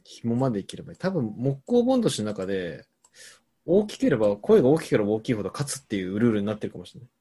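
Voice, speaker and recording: A young adult man hosting a casual comedy chat, reading out listener answers and spinning playful, deadpan absurd riffs. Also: medium pitch, fast talker, husky. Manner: playful, riffing on jokes with deadpan absurd claims.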